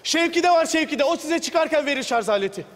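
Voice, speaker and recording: Calm group-therapy doctor, fast high voice, live stage. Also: male voice. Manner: soothing, calming, patient. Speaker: comedian playing a therapist. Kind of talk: stage sketch comedy. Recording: live stage, hall reverb, audience.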